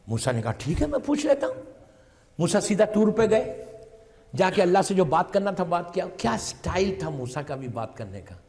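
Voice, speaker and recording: A man's voice: high voice, sing-song. A man preaching at a religious gathering, telling a story dramatically and acting out its dialogue, with English words mixed in. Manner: acts out dialogue in a rising, impassioned voice and sometimes shouts; mixes English words into his speech. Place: religious gathering hall with a live audience. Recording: long reverb of a large hall.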